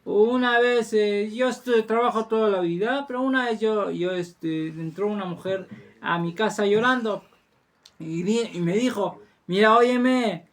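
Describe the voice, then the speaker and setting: A man voicing a wealthy, generous older man who recounts a past deed in an earnest, halting way. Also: high-pitched.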